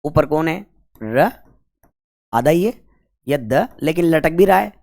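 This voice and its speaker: A man's voice: a little high, animated, takes it slowly, gravelly, darkish tone. A man teaching grammar, repeatedly asking and answering his own questions in a colloquial way. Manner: repetitive call-and-response questioning, colloquial 'apan'. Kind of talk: whiteboard grammar lesson.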